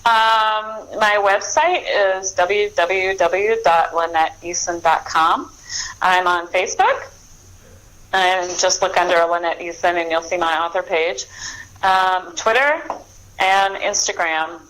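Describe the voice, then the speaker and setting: A middle-aged woman, an author appearing as a guest in a casual interview, talks chattily in a lowish, steady, slightly bright voice. She often halts, doubles back and corrects herself, and the audio quality is poor.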